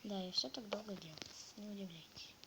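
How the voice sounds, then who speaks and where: A slightly ill woman with a sore throat and a mid-range voice quietly mutters, half-whispering to herself, in brisk, casual let's-play commentary on the game she's playing. There is loud background noise.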